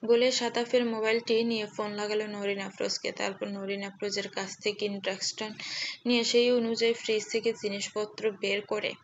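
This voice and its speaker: Give me a woman narrating a story in an even, measured voice, a bit muffled. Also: mid-range voice. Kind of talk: scripted audio-story narration. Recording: slightly muffled with faint hiss.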